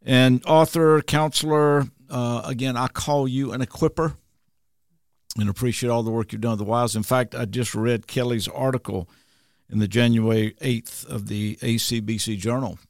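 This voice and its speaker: A man's voice: medium pitch, steady tone, normal speed, no echo, studio quality. A man hosting a church podcast, welcoming listeners and introducing his guests in a folksy, casual way with many fillers. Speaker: podcast host.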